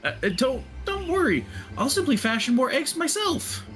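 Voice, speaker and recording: A man's voice: extremely high pitch, sing-song, moderate pace, fairly bright tone, soft background music, exaggerated voice. A man voicing a grand, dreamy festival organizer woman in a video game, with a theatrical, formal delivery. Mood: grandiose. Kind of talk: reading game dialogue aloud.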